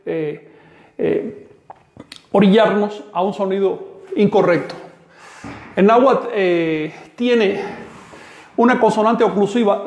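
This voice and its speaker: A man. He talks slowly and patiently, spelling out sounds and repeating words one by one. The room around him is echoey. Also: high voice, darkish tone. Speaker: teacher. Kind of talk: online language class.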